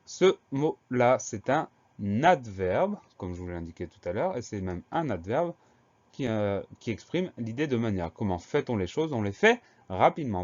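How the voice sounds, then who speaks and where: A man with a somewhat low voice gives a spelling lesson for children. He spells each word out letter by letter, slow and careful. The recording sounds a little dull and lo-fi. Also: darkish tone. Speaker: teacher.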